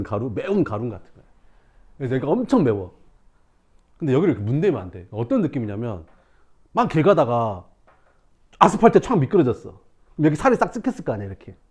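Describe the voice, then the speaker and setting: A male math teacher telling his students a lively story in class, acting out scenes with shouts and sound effects. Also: mid-range voice.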